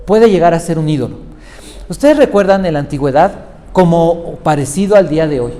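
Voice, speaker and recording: Pastor preaching in a hall. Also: male voice, a little high. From Mexico. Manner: animated preaching, asks the congregation questions. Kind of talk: sermon. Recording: reverberant hall with faint noise.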